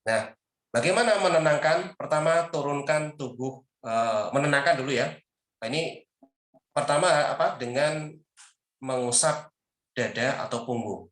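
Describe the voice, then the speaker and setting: A man's voice: on the high side, measured pace, long pauses, a bit bright. Man, religious teacher, parenting lecture, numbered points, rhetorical questions, echoey room. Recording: roomy echo.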